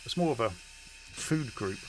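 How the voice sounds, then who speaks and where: Male streamer, casual chatty commentary, trivia-heavy, mid pitch, heavy background noise. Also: animated, moderate pace. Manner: chatty, answers chat, railway trivia. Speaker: streamer playing a train simulator. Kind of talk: casual commentary while gaming.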